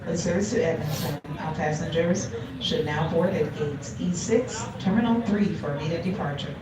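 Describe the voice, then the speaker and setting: A woman making a formal, measured boarding announcement over an airport PA system. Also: deep voice. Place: airport terminal. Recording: echoey PA from far off in a crowded terminal. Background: crowd chatter.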